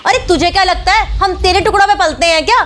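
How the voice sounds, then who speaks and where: A woman's voice: extremely high pitch, quick pace, fairly bright tone. A woman playing a strict, domineering mother-in-law in a family drama skit, scolding and bossy.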